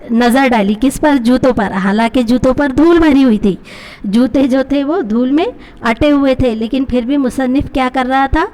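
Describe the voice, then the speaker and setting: Woman, Pakistani accent, teacher, explaining a story lesson, fairly high voice. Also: a little mellow. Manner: explains each line with questions to pupils. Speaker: Urdu teacher.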